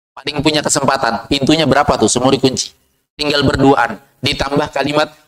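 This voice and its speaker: A man preaching a sermon, lively, asking the audience questions and answering them himself. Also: rough recording. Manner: lively, swings from low asides to high rhetorical questions.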